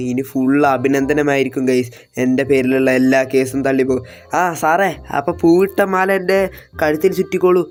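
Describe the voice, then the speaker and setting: A man role-playing a gangster in a game, talking to his viewers loudly, dramatically and in a panicky, bossy way. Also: fairly high pitch. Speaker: gameplay streamer.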